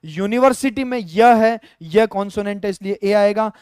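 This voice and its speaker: A man's voice: high voice, moderate pace, darkish tone, smooth, dry recording, studio quality. A male teacher with a Rajasthani Hindi accent, explaining grammar step by step in a live online lesson and talking to viewers as friends.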